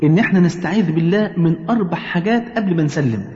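A man with an Egyptian Arabic accent gently teaching his mother how to pray, patient and tender, slowing down to recite each prayer clearly. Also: on the high side, reverberant, in a large hall, dull audio. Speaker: religious teacher. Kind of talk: gentle religious lesson addressed to his mother.

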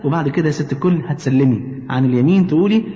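A man with an Egyptian Arabic accent gently teaching his mother how to pray, patient and tender, slowing down to recite each prayer clearly. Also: on the high side, echoey room, in a large hall, lo-fi sound. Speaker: religious teacher. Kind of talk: gentle religious lesson addressed to his mother.

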